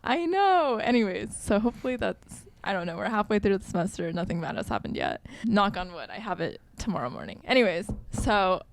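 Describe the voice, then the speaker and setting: Casting: young adult woman, podcast co-host, chatty with constant "like" fillers, plays out the quotes, mid pitch, dry sound. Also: big pitch swings, a little fast, vocal fry, few pauses, dry recording. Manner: chatty, full of "like" fillers, acts out quoted speech. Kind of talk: casual chat.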